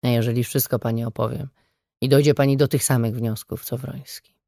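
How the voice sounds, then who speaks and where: A weary man speaks quietly and reassuringly, as a woman reader lowers her voice for him. The tone is subdued and soft, deep for the reader. The recording is dry and close. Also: a little fast, dry recording. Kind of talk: audiobook character reading.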